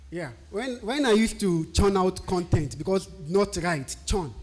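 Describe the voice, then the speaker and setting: A man from Nigeria, speaking with a Nigerian accent and having a Nigerian language as his first language, explains technical writing on a live stream, regularly answering questions he poses himself. His high, darkish voice is expressive and slow-paced.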